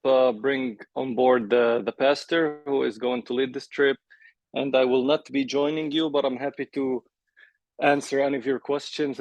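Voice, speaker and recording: A man's voice: mid-range voice, no echo, lo-fi sound. A man introducing himself on a video call as a trip organizer, in a casual, rambling way.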